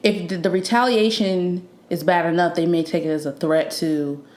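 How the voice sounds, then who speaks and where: A woman's voice: fairly low pitch, steady tone, normal speed, a little mellow. A young woman co-hosting a podcast in casual chat, laughing often and rambling a little. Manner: laughing, chatty. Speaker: podcast co-host. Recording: echoey room.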